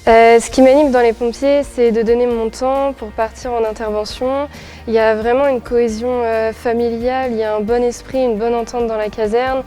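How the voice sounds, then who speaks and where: A woman's voice: fairly high pitch, steady tone, normal speed, dark tone. Young woman, 20s, nurse and firefighter; eager testimony with fillers, music under. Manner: eager, frequent hesitant fillers. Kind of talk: interview testimony.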